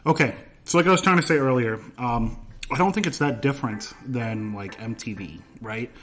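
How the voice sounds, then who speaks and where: A man casually explaining things in a halting way, often checking in with short tag questions. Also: medium pitch. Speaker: teacher answering student questions.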